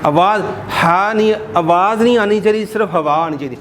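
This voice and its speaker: A man teaching a Quran class, explaining and slowly repeating words to demonstrate correct pronunciation. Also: high voice, a little hiss or hum. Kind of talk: informal religious class lesson.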